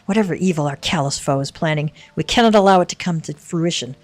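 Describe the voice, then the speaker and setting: A woman voicing a composed female investigator from a fantasy game, with formal, measured delivery in a low voice. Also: darkish tone, soft background music. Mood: resolute.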